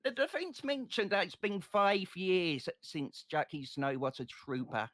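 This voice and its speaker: A man playing a state prosecutor in an online courtroom role-play, making a passionate, deliberate closing argument. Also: high-pitched, lively intonation, a bit bright. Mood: firm, insistent.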